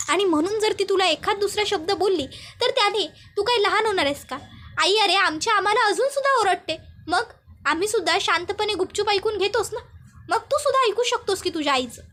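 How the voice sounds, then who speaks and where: Young sister-in-law, read by a woman, reassuring, firm, very high-pitched. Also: animated, a little fast, fairly bright tone. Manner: reassuring, firmly scolding.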